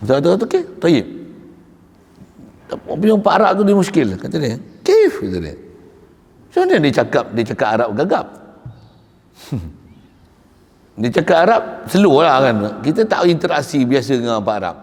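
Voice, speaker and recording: A man with a Malaysian Malay accent giving a morning religious lecture, talking in a conversational, animated way with storytelling asides. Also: fairly high pitch, a little fast. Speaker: religious teacher. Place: mosque or religious school hall. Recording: long hall reverb.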